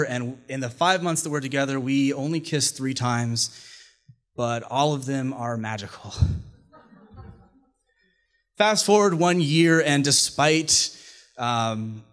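A man's voice: medium pitch, fairly bright tone. Wry young man telling a stage story. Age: 20s. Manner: wry, self-deprecating, plays lines for laughs. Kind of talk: live personal storytelling. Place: small stage venue, indoors. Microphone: stand mic at mouth.

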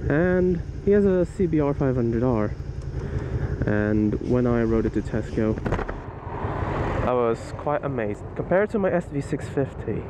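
A young man chatting casually while riding his motorbike at night, rambling and thinking aloud into a wired earphone mic inside his helmet. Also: mid-range voice. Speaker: motorcycle vlogger. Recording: loud wind and engine noise.

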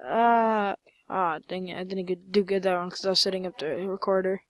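A woman giving casual, rambling commentary over her own gameplay, full of fillers and sudden excited outbursts. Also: mid-range voice, moderate pace, dry recording.

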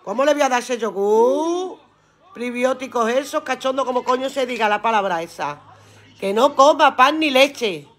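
A woman's voice: high voice, animated, moderate pace, fairly bright tone. Brief: woman, live-stream seller, chatty and earthy, swears casually, laughs a lot. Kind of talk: casual live-stream chat reading viewer comments aloud.

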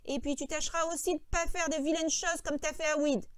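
A woman's voice: high voice, flat delivery, brisk, voice pushed up, natural voice. A woman reading an audiobook, voicing a short-tempered grown man who scolds and orders his companion about. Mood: instructing, scolding. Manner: scolding, sharp, impatient. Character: irritable, bossy adult male farmhand, short-tempered.

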